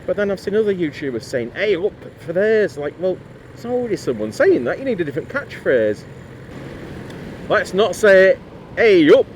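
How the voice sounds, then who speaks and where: Chatty Northern English biker. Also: male voice, sits high. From Lancashire, England. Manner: chatty, rambling, blunt. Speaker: motorcycle vlogger. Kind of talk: casual talk while riding. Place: outdoors riding a motorcycle in the cold. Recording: faint road and traffic noise.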